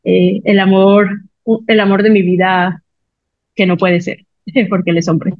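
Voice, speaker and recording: A woman gives an emotional personal testimony, retelling conversations in animated voices. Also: medium pitch, a little slow, no echo, muffled recording. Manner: emotional, animated storytelling with lively retold quotes. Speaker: podcast guest.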